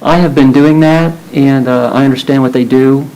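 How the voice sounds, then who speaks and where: A man chairing a board meeting, running nominations and votes in a polite, procedural, unhurried way. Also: medium pitch, steady tone, mellow, low-quality recording.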